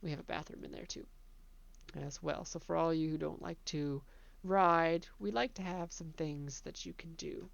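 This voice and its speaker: A woman casually narrating a tour of her own theme park, chatty and relaxed, laughing between remarks. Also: sits low, normal speed, creaky, no room sound, lo-fi sound.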